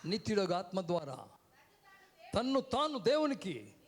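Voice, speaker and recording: With a high voice whose pitch swoops wildly, a guest preacher speaks at a measured pace from the church stage. His call-and-response sermon has the congregation repeating his words, and he keeps calling out "hello" to them.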